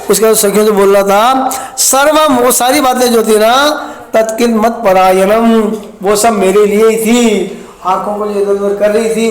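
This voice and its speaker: A man's voice: sits high, reverberant. A man teaching a Sanskrit text, reciting each verse and then explaining it word by word in a lecture. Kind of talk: recorded classroom lecture.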